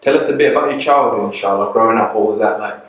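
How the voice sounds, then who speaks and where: A man's voice: on the low side, fast talker. A man hosting a casual street interview, speaking in a laid-back way and often adding short replies like "okay, cool.". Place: outdoors on a street. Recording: echoey, from far off.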